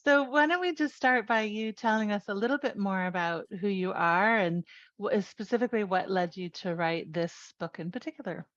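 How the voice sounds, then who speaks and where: A woman's voice: medium pitch, normal speed, dry recording. A woman hosting an interview, who introduces her guests in a welcoming way. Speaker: host. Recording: dull dry video call audio.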